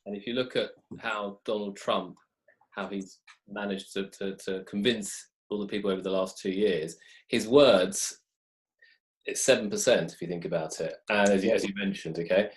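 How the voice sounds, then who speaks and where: A man with a fairly low voice joins a business discussion. He talks hesitantly, repeating words and checking in with "okay?" as he goes. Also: steady tone, moderate pace. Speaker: business advisor. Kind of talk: casual discussion.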